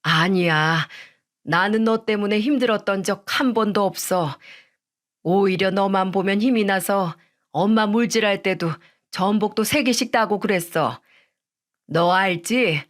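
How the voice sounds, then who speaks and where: A woman voicing a tough middle-aged widowed sea-diver mother, scolding loudly to defend her son in a storybook tale. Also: mid-range voice, measured pace, close to an everyday voice. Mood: tender. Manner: loud, fierce scolding.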